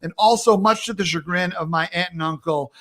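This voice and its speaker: High-voiced, playful male host. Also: fairly quick, a bit bright. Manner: upbeat, playful, laughs often. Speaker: talk show host. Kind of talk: casual live-stream chat. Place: home in Minneapolis.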